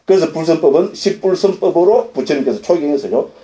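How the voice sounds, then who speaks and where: Korean monk lecturing, tag questions. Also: male voice, a little high, expressive, quick pace, mellow. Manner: constantly seeks agreement with tag questions; asks and answers his own questions. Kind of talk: Buddhist dharma lecture. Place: lecture hall at a Buddhist center. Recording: roomy lecture-hall audio recording.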